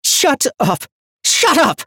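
A man's voice: fairly high pitch, steady tone, a little fast, a little mellow, dry recording, clean studio sound, voice pushed up, lightly acted. A man voicing a young woman overlord who questions prisoners with grave, barely hidden anger. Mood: furious.

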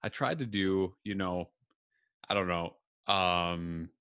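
Bright-voiced man hosting a casual podcast. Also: low-pitched, takes it slowly, smooth, no room sound, studio quality. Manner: upbeat, chatty, self-deprecating. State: a little out of breath. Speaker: podcast host. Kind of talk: casual solo podcast talk.

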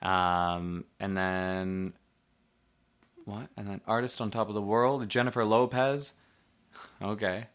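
A man's voice: lowish voice, steady tone, slow pace, long pauses, a bit bright. A man hosting a podcast in casual chat, rambling along with lots of fillers and the odd swear word. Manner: loose, rambling delivery with frequent fillers and swearing. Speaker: podcast host.

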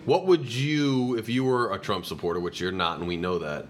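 Deep-voiced male call-in host. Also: normal speed, a little hiss or hum. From New Jersey. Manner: rambling, with frequent fillers and restarts. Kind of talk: live call-in podcast talk.

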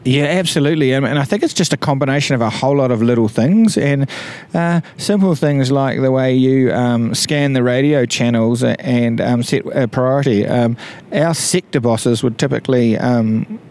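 A man with a New Zealand accent, a visiting wildfire task force leader answering interview questions with many pauses and restarts. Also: mid-range voice, a little mellow. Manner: halting, many ums and restarts, good-humoured.

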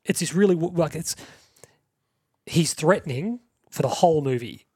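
A man co-hosting a podcast in casual chat, animated and laughing often as he acts out movie quotes. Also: on the high side, moderate pace, slightly rough, no room sound, studio quality. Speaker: podcast co-host.

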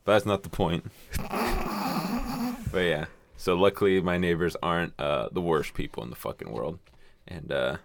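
A man with a very low, deep voice talks in a loose, rambling way, swearing freely and stacking fillers. The sound is dry and close, with no room around it. It is everyday casual chat among friends. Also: brisk, vocal fry, no echo. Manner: rambling, profane, with many fillers.

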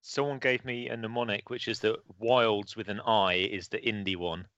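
A man's voice: fairly low pitch, fairly even intonation, moderate pace, a bit bright, no room sound, highs cut off. A man in casual interview chat who cannot pronounce his R's properly, saying them like w. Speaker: freelance video game designer, podcast guest.

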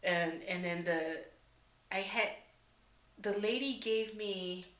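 A woman's voice: mid-range voice, slow, fairly bright tone, reverberant. A woman guest on a podcast, chatting casually and animatedly, laughing and acting out quotes as she tells stories. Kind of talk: casual storytelling chat.

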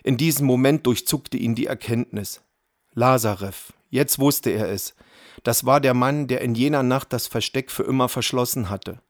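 A man narrating an audiobook in an even, measured reading. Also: medium pitch, no echo, clean studio sound. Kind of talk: scripted narration.

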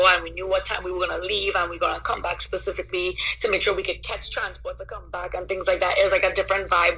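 A woman with a Trinidadian accent talks in a relaxed, chatty way, full of fillers. Her voice is husky and breathy. Her pitch stays fairly flat and even. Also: rough recording. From Trinidad and Tobago. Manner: relaxed, laughs easily, chatty with many fillers. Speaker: soca singer and guest. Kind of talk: casual interview chat.

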